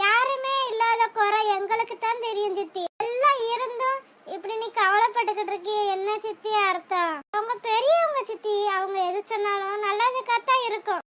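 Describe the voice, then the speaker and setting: A woman's voice: very high-pitched, muffled recording, noisy background. Woman doing a sweet young niece, consoling.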